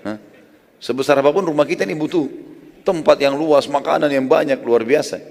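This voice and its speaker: A man giving a religious storytelling lecture, animated and explanatory, addressing his listeners as friends. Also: a little high, a little fast, creaky. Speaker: preacher, storyteller. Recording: long reverb.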